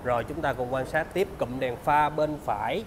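A man in his thirties with a southern Vietnamese accent, giving a used car salesman's walkaround pitch in polite, repetitive sales patter. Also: normal speed, slight background noise. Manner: salesman's patter, polite address and repeated selling points. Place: large open car service bay.

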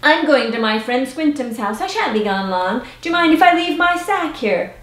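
A woman voicing a sly, greedy male fox who speaks slowly and coaxingly. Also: sits high, lively intonation, fairly bright tone. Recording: roomy with faint autoharp.

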